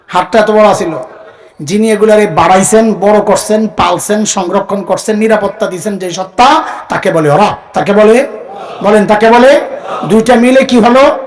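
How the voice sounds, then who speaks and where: A man with a high voice delivers a sermon in a plain, everyday way. He keeps asking the listeners to call answers back to him. Now and then he raises his voice to a shout to drive a point home. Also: rough recording. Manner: call-and-response, has the crowd repeat phrases; rises to shouting for emphasis. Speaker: preacher. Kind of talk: Islamic sermon to a live audience.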